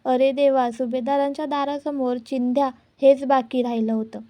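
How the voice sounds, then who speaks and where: A stern, cautious middle-aged mother voiced by a woman speaks with restraint in a high, mellow voice. The reading is close to the narrator's own plain tone. The recording is close and dry. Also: level tone, normal speed, dry recording, lightly acted.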